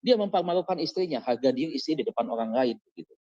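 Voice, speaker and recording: A pastor, a man, preaches over an online call and keeps pressing his listeners with questions. His voice sits a bit high. The audio is dry and somewhat muffled, like lo-fi call sound. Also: animated, quick pace, darkish tone, no room sound. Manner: exhorting, asks the listeners many questions. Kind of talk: sermon over an online service. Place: online service on a video call.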